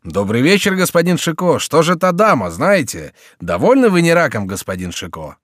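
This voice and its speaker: Brief: man as a jeering young officer, loud and bright. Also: on the high side, big pitch swings, normal speed, no echo, clean studio sound, voice pushed up. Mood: mocking. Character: mocking young male cornet.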